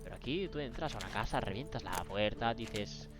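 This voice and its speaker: A man's voice: medium pitch, lively intonation, a little fast. A young man with a Spain accent, giving slangy, jokey commentary while playing a game. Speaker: streamer. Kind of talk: casual let's play commentary. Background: game music.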